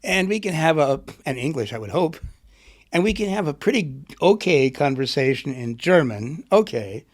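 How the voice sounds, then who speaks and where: A middle-aged author and poet with a somewhat high, sing-song voice is interviewed conversationally at a moderate pace. He thinks aloud in a reflective, rambling way.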